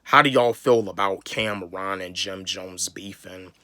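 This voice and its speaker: Slightly slow and low-voiced, a young hip-hop commentator from the US South, North Carolina, gives his loose, rambling opinion on a rap feud and keeps repeating words. His delivery is pushed and bright, recorded without echo.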